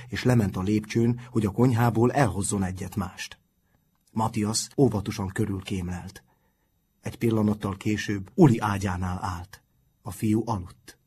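A man reading a novel aloud in a calm, measured audiobook narration. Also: fairly low pitch, husky.

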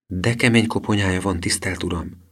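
A man doing a sharp-tongued little girl. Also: low voice, husky, voice pushed up. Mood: scolding.

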